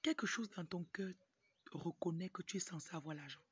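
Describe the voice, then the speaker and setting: This motivational speaker and livestream host, a young woman from Cameroon who grew up in Tonga, has a fairly low voice and talks a little fast in a Cameroonian French accent. Her informal talk to camera keeps wandering into asides. It's a muffled, noisy phone recording made at arm's length outdoors in a yard, where a rooster crows over the background noise.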